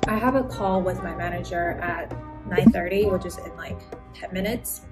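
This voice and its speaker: A woman in her twenties from Taiwan, talking casually through her work day in a vlog, with a relaxed manner and frequent "like". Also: lowish voice, moderate pace. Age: 20s. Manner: relaxed, uses "like" often. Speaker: business analyst vlogger. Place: apartment home office, indoors. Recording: background music under voice.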